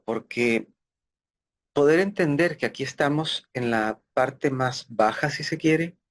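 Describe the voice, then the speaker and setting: Reflective male interview host. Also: medium pitch. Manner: reflective, affirming.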